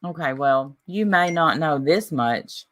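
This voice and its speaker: Slow, low-voiced deadpan woman co-host. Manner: deadpan, teasing. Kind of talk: casual livestream chat.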